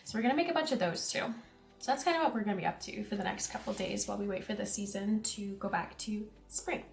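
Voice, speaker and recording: A young Canadian woman with a central Canadian accent streams a farming game, chatting casually with viewers, reading their messages aloud and adding giggly asides. Her medium-pitched voice is fast and creaky, sounding roomy with music underneath.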